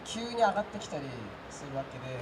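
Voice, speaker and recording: High, rapid-fire male event MC. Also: expressive. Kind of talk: lively emcee addressing a crowd. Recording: loud crowd and outdoor noise.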